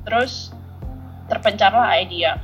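A woman's voice: mid-range voice, unhurried, soft background music. Woman in her 30s, chatty podcast storytelling, laughs a lot, bit muffled lo-fi sound. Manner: animated, laughs while telling stories. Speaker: podcast co-host. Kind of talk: casual storytelling chat.

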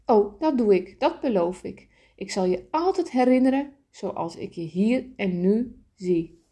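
A woman voicing a small, innocent soul who asks excited, pleading questions. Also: medium pitch, unhurried, husky. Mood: eager.

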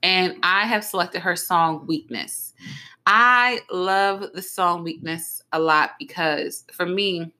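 A young woman hosts her podcast in loose, easy chat. She is blunt and lively and swears freely. Her voice is bright but sits a little low. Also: slow pace. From Trenton, New Jersey. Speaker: podcast host. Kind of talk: casual chat.

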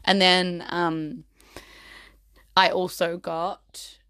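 A woman in her thirties with a New Zealand accent and a hoarse, croaky voice, rambling casually as the host of her own show. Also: lowish voice, level tone, very slow, bright, forceful tone, no echo, studio quality. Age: 30s. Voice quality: croaky, gravelly. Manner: chatty, rambling. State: hoarse, voice nearly gone from partying. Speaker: host of a personal episodic show.

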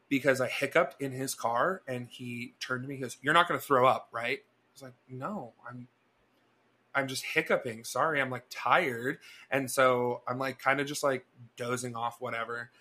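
A man's voice: medium pitch, normal speed. A young man co-hosting a podcast, chatting casually and acting out the people in his stories. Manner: animated, chatty, acts out dialogue. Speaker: podcast co-host. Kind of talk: casual storytelling chat.

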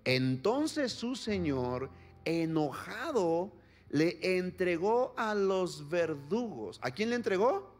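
Male pastor, unhurried sermon delivery, Bible reading with questions to listeners. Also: high-pitched, big pitch swings. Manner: reads scripture then asks the congregation questions.

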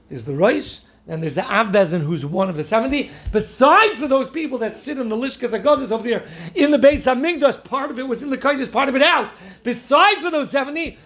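High-pitched man with a Yiddish-inflected American accent. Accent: Yiddish-inflected American Orthodox. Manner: emphatic, colloquial, rhetorical questions and repetition. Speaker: rabbi teaching a class. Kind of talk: animated Torah lecture.

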